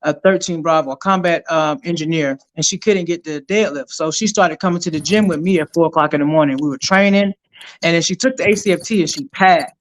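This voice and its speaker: A middle-aged woman, a retired army sergeant, telling her story in an energetic, emphatic way as a podcast guest. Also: low-pitched, brisk, slight background noise. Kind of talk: conversational interview storytelling.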